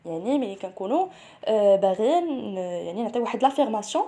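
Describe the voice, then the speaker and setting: Fast-talking Moroccan woman teaching grammar. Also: mid-range voice, expressive, warm tone. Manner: switches between French and Moroccan Arabic, checks in with "c'est bon?"; explains step by step, restating each point. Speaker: teacher preparing students for nursing school entrance exams. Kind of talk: exam-prep grammar lesson.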